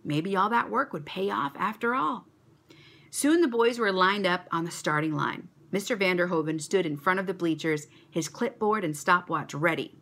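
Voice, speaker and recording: Animated woman reading a children's story. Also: fairly low pitch, moderate pace. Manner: expressive, animated.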